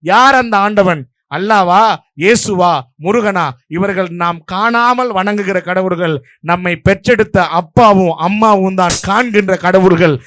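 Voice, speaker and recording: A man from Vellore district in Tamil Nadu, judging a stage debate and giving his verdict in a rapid, playful, story-driven speech to a live audience. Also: sits high, fairly bright tone, dry recording. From Vellore district, Tamil Nadu, India.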